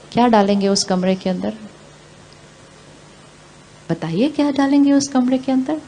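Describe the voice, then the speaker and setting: Woman, spiritual teacher, calm and gentle talk, asks the audience questions, repeats phrases slowly, mid pitch, faint background noise.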